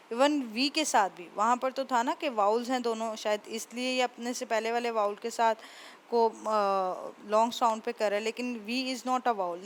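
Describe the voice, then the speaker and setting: A woman teaching a phonics lesson for children, patiently explaining step by step and slowly sounding out each word. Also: a little high, fairly bright tone, a little hiss or hum.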